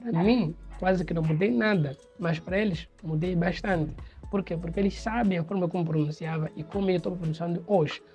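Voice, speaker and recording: A man's voice: high-pitched, a little fast, darkish tone, dull audio, faint music behind. A man from Mozambique with a Mozambican Portuguese accent, giving opinion commentary on his channel in an explanatory way. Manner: explanatory, imitates accents in quoted examples.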